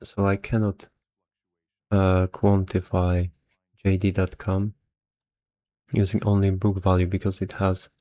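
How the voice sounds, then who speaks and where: Speaking at a measured pace with long pauses, this man's low, mellow voice stays completely flat in a dry recording. He's an investor casually reasoning through stock valuations, a little tired, tentative and half muttering.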